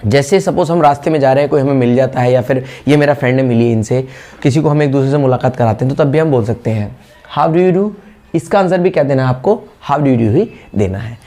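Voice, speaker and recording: A man's voice: mid-range voice, quick pace, warm tone. A man teaching a spoken English class, explaining step by step and repeating the example phrases. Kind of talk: spoken English lesson in Hindi.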